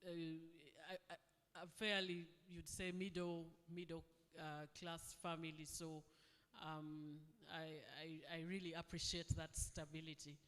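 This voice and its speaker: Woman guest speaker, slow and even delivery, smooth clear voice, long hall reverb. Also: deep voice. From Uganda. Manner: measured, reflective, many pauses and fillers. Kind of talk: fireside chat interview answers. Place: event hall.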